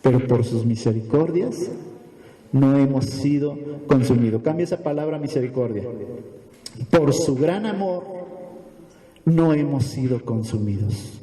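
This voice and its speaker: Man preaching, mellow dark voice, rhetorical questions, reverberant church hall. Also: mid-range voice, animated, a little slow, long pauses. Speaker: pastor. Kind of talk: sermon.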